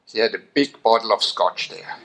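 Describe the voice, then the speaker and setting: A man from Switzerland, telling an animated anecdote at a memorial. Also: lowish voice, normal speed, vocal fry. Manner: animated anecdote with voiced quotes. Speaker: memorial speaker. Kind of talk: storytelling at a memorial.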